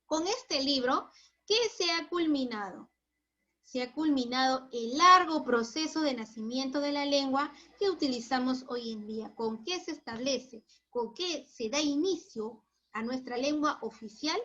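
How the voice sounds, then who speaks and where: A chatty woman teacher with a high voice explains her lesson, asking questions and answering them herself. The recording sounds dull and lo-fi. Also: a little slow, pushed and bright. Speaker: school teacher.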